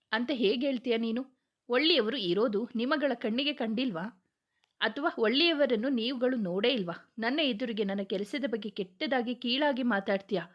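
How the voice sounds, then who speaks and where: A woman's voice: on the high side, highs cut off, close to an everyday voice. A woman reading the lines of a short-tempered young male police officer, speaking firmly and scolding. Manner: firm, scolding, forceful delivery.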